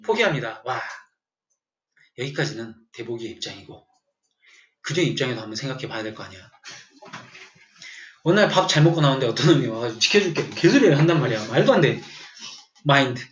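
Fast and animated, with long pauses, a mid-range male voice teaches English vocabulary over slight background noise in an echoey room, the sound dull and lo-fi. He weaves a humorous story into the lecture while quizzing the class.

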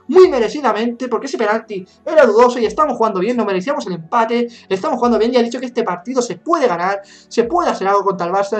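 Spanish gamer woman in her 20s, live play-by-play, hot-headed and foul-mouthed, faint music underneath. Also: fairly high pitch. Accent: Spain Spanish. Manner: excitable, swears often, rants at the referee. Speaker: gaming YouTuber. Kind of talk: live gameplay commentary.

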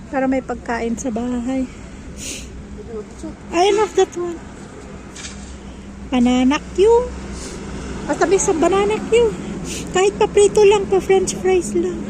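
A woman's voice: extremely high pitch, background noise. A woman chatting casually in a family vlog, narrating her errands and talking to her child while out at a market. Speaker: vlogger. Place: outdoor market.

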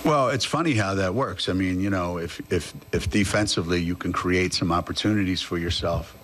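A man in his sixties, a head coach fielding questions at a press conference, speaks into a table mic with a low, fairly bright voice. His answers halt often, full of fillers and restarts.

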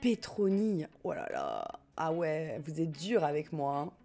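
A woman's voice: deep voice, huge pitch swings, a little slow, vocal fry, mellow, soft background music. A woman with a French accent chatting casually as she streams a life-sim game and reads her chat, joking and often laughing. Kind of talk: casual gameplay commentary, reading chat.

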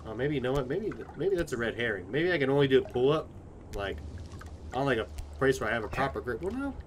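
Streamer, male, put-on Southern drawl, rambling frustrated live commentary at home, mid-pitched, background noise. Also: big pitch swings, fast talker. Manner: rambling, thinking aloud, frustrated. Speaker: gaming streamer.

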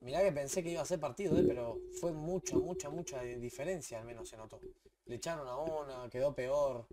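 A young adult man with an Argentine accent, reacting live to a football match for his channel in excitable, slangy bursts. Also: medium pitch, a little fast, a crowd in the background. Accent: Argentine Spanish. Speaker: reaction video host.

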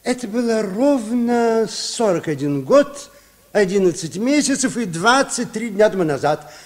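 A boastful, aged baron in a vintage radio play. The voice sits high and swings widely, grandiose and theatrically aggrieved. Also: male voice, expressive, a little slow. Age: older. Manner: grandiose, mock-aggrieved, exaggerating. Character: Baron Munchausen, boastful, theatrical old tall-tale teller. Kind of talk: Soviet radio play acting.

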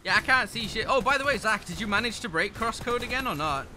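A man streaming a shooter game live, chatting with his viewers in a profane, excitable way and quick to rant. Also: sits high, a little hiss or hum. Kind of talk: live gameplay commentary with chat. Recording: game gunfire clearly heard behind the voice.

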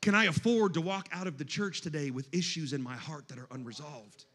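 A man preaching a sermon in a church, moving between hushed scripture reading and shouted exhortation. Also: on the high side, fairly quick, husky.

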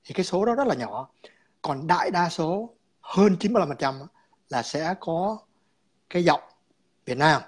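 A man's voice: on the high side, animated, normal speed, pauses often, breathy edge. A man calling in to a chat, explaining his views in a rambling way, repeating words and slipping in English terms.

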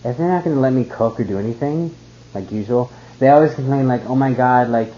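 Low mellow dude rambling, like, like, like, faint hiss behind, muffled audio. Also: male voice, brisk. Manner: rambling, says "like" constantly. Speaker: cooking student. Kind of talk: casual chat. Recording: dull lo-fi sound with faint noise.

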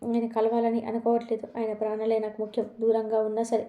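A woman's voice: fairly high pitch, monotone, fast talker, mellow, echoey room, close to an everyday voice. A woman voicing a young heroine in a retold serial story, refusing and troubled, talking in short pleading lines. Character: young woman torn over love, refusing firmly.

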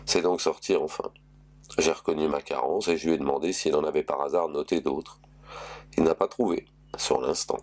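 Guy with a real deep voice reading a novel out loud, calm and a bit dry. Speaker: reader.

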